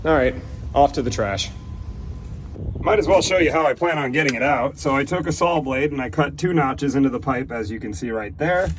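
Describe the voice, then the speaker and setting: A man's voice: mid-range voice, lively intonation, brisk, noisy background. A man working as an irrigation technician outdoors, casually explaining each repair step in a plain, practical way as he works. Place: outdoors at a job site.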